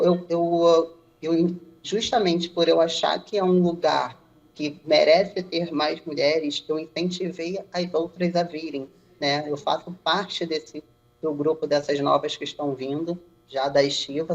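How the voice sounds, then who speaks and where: A woman with a Brazilian Portuguese accent, a stevedore telling her experiences in a casual podcast interview and acting out the remarks she quotes. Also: deep voice. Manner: animated storyteller who acts out quoted remarks. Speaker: stevedore guest. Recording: slightly dull lo-fi sound.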